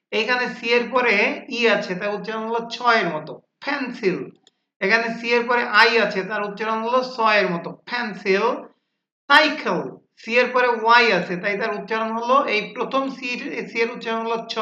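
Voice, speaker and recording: A woman teaching phonics in a classroom style, explaining slowly and repeating rules with fillers. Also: fairly high pitch, pushed and bright. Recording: dull lo-fi sound in an echoey room.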